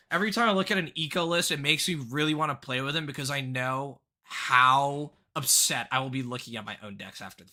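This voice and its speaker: A man casually talking through viewer-submitted card decks on a live stream, rambling and excitable, with plenty of fillers and restarts. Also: a little high. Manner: rambling and excitable, full of fillers and self-corrections.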